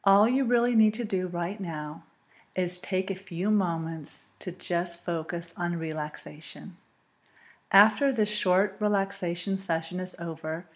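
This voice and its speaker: A woman guides a listener through a relaxation exercise in a soft, low-pitched voice. She talks very slowly and calmly, leaving long pauses between her words. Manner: calm, soothing, slow with long pauses. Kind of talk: scripted guided relaxation narration.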